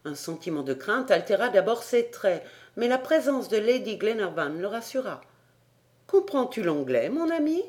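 Lectrice de livre audio, lecture claire et posée, voix de hauteur moyenne. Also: female voice, mid-range voice, lively intonation, normal speed, a little mellow. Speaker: audiobook reader. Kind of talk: literary audiobook narration.

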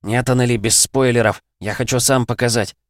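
A man's voice: medium pitch, fairly even intonation, a little fast, dry recording, clean studio sound, voice pushed up, lightly acted. A man doing an eager, proud young man.

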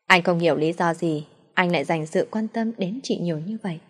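A woman narrating a dramatic family story in a calm, measured way. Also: lowish voice.

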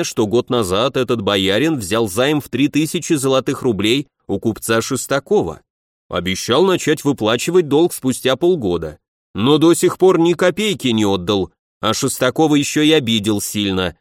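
A man's voice: mid-range voice, dry recording, clean studio sound, close to an everyday voice. A man as a middle-aged accusing nobleman.

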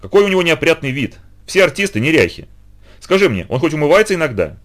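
A man voicing a fussy, anxious elderly aunt in a storybook reading, fretful and shrill. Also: big pitch swings, quick pace. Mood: disapproving.

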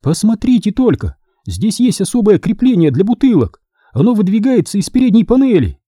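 A man's voice: high-pitched, very animated, brisk, dark tone, no echo, clean studio sound, voice pushed up. A man voicing a scolding anxious mother. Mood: delighted. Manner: urgent, reproachful. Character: anxious scolding mother, middle-aged woman.

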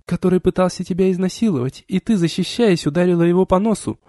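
Man doing a soft flat voice in someone's head, audiobook, raised a little. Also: high voice, quick pace, dry recording, clean studio sound, pitched above the performer's own voice, natural voice. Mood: matter-of-fact. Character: calm disembodied prompt voice inside the head.

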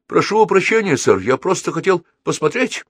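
A man's voice: sits high, sing-song, normal speed, husky, no echo, voice pushed up, full character voice. A man doing a cheeky, mocking teenage boy.

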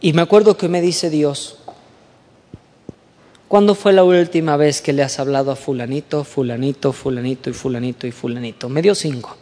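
Animated Mexican man in an echoing hall. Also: a little high, moderate pace. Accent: Mexican Spanish. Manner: animated, swings between hushed asides and raised voice, rhetorical questions. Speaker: speaker giving a talk. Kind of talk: storytelling talk to an audience.

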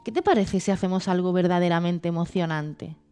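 A woman's voice: fairly low pitch, brisk, dark tone, clear, resonant tone, faint music behind, lightly acted. A woman voicing a curious, talkative male duck who asks eager questions, reading a storybook.

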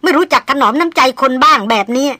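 Proud young noblewoman, read by a woman: bright, tense, scolding tone, dry close audiobook sound. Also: high-pitched, fast talker, no room sound, pitched above the performer's own voice. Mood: indignant scolding. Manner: scolding, indignant. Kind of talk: audiobook character voice.

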